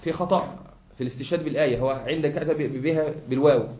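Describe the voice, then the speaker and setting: A man's voice: fairly high pitch, racing. A man with an Egyptian Arabic accent teaching a classroom lesson, explaining a text patiently and quizzing his listeners with fill-in questions. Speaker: sheikh teaching a grammar text. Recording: echoey room, muffled lo-fi sound.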